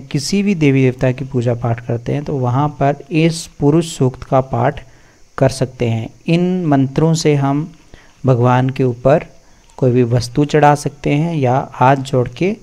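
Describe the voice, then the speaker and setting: Male Vedic chant teacher, slow, patient syllable-by-syllable drilling. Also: mid-range voice, warm tone. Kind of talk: slow spoken recitation lesson.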